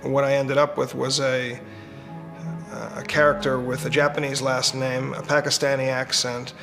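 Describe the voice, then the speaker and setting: A male film director speaking matter-of-factly with a flat, level intonation. Music plays clearly behind him. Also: mid-range voice, normal speed. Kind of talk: documentary interview.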